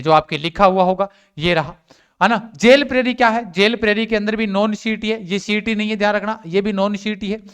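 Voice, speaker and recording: Guy teaching exam prep, kinda high voice, smooth and clear, asks himself questions then answers. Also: a bit bright. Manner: asks his own questions and answers them, repeats points. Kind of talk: casual exam update talk to students.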